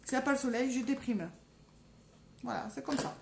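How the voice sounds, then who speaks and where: A woman from the south of France, with a matching accent, hosts a live makeup tutorial, chatting casually and calling out to her viewers constantly. Her voice is high and fairly quick, with vocal fry and a darkish tone. The room sounds echoey, with faint ambience in the background.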